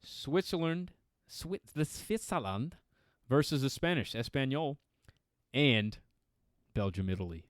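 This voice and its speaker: A man's voice: mid-range voice, animated, unhurried, no room sound, studio quality. A man co-hosting a soccer podcast, chatting casually and swearing freely. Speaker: podcast co-host. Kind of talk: casual chat.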